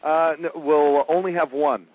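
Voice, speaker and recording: A man's voice: a little high, fairly even intonation, measured pace, husky, narrow, tinny audio. A middle-aged man, a college basketball coach, talking casually in an interview, easygoing and chuckling, with lots of fillers and restarts. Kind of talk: phone interview, casual chat.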